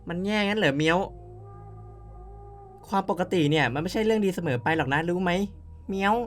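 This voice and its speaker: A man playing a story game, reading its text aloud and dropping in quick puzzled asides to viewers. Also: high-pitched, faint music behind. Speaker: game streamer.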